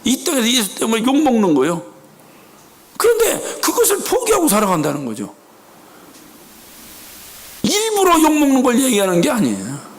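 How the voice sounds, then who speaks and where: A middle-aged male pastor delivers an emphatic church sermon, firing rhetorical questions and acting out little quoted scenes. His voice sits very high for a man and swings widely in pitch. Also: wildly swooping pitch, moderate pace, pauses often. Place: church sanctuary.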